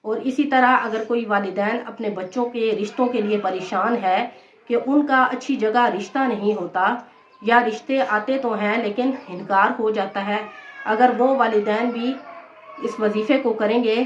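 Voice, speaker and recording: A woman gives devotional instruction as a religious teacher. She speaks at a middling pitch and explains in a steady, patient way, going over key points again and again. The recording is roomy and muffled. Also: moderate pace, slight background noise. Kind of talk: devotional instruction on prayer recitations.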